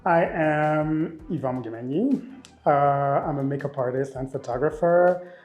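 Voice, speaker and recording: A man in his thirties from Rwanda who grew up in Belgium, a makeup artist speaking casually in an interview, expressive and often repeating words as he thinks. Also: fairly high pitch, moderate pace, faint music behind. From Rwanda, raised in Belgium.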